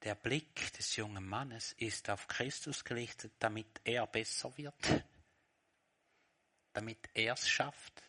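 Bright-voiced preacher, slow delivery. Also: male voice, lowish voice. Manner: swings from quiet reflection to loud, shouting retellings. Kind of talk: sermon.

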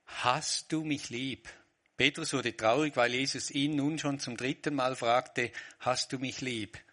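A man's voice: medium pitch, steady tone, unhurried, fairly bright tone. A man preaching a sermon, reflective, voicing short quoted lines with changing emphasis.

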